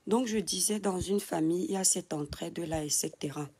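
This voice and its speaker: A woman's voice: lowish voice, a little fast, mellow, a little hiss or hum. A woman, just awake, on an audio-only phone live stream, affectionately greeting viewers by name and reading their comments with hesitant fillers. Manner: affectionate, calls viewers "my star", reads names with hesitant fillers. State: just woken up.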